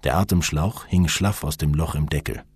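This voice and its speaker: A man narrating an audiobook in an expressive storytelling manner. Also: a bass voice, normal speed, slightly rough, no room sound. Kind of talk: scripted narration.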